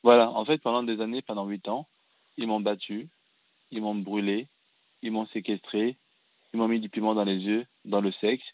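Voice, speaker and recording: Flat, low-voiced man on a phone line. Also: no echo. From Cameroon. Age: 30s. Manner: earnest, halting storytelling with frequent restarts. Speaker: caller. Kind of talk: phone-in personal testimony. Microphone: telephone.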